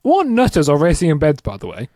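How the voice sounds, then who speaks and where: A man's voice: on the high side, wildly swooping pitch, fast, mellow, no room sound. A man, co-hosting a casual podcast, teasing and reading out news stories. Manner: teasing, laughs often, reads out news headlines. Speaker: podcast co-host. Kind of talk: casual chat.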